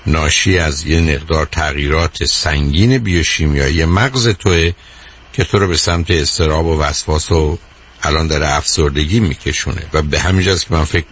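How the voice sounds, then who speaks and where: A man hosting a radio counseling call-in show, speaking calmly and unhurriedly and addressing the caller fondly. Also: extremely low pitch, a little hiss or hum.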